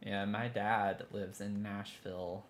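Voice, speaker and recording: Building in a game on a live stream, a Tennessee man with a Southern accent rambles and keeps cutting himself off. He speaks slowly in a fairly low, level voice, and there is a little hiss or hum.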